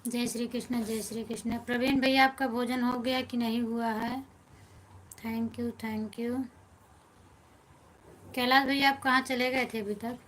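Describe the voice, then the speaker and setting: Speaking with an Awadhi accent, a woman with a fairly high, fairly bright voice runs a casual live stream, chatting warmly as she reads viewers' comments aloud and teases them in her replies. Her delivery is flat and unhurried, with frequent pauses.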